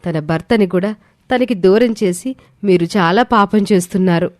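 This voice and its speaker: A woman's voice: mid-range voice, normal speed, a little mellow, dry recording, studio quality, lightly acted. A woman voicing a righteous middle-aged wife in a storybook drama, speaking firmly and reproachfully. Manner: reproachful, firm. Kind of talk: storybook voice acting.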